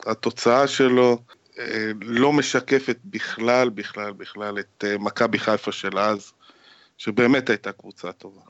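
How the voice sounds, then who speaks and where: A man's voice: lowish voice, fairly even intonation, fairly bright tone, no echo. A man co-hosting a podcast in casual chat, emphatic and repeating words for stress. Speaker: podcast co-host. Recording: dull lo-fi sound.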